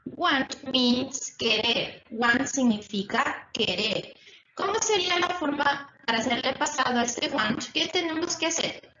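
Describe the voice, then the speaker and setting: Slow-explaining woman teacher, echoey lo-fi. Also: high-pitched, animated, bright, forceful tone, a little hiss or hum. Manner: slow, repetitive explaining with check-in questions. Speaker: English teacher. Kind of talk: recorded distance-school lesson. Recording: echoey, dull lo-fi room recording.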